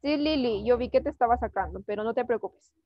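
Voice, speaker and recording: A woman's voice: on the high side, quick pace, no echo, muffled recording. A woman teaching an online English class, patiently coaxing her pupils and mixing Spanish with English phrases.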